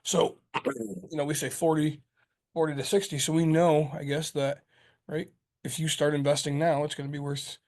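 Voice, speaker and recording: A man's voice: on the high side, steady tone, moderate pace, gravelly, a little mellow. A man co-hosting a casual podcast, rambling as he explains investment numbers, with the odd swear. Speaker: podcast co-host.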